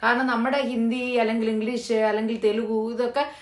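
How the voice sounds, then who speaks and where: A woman's voice: a little high, level tone, fairly quick, echoey room. A woman from Kerala vlogging casually, explaining things step by step with lots of fillers. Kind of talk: casual storytelling vlog. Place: living in Hyderabad.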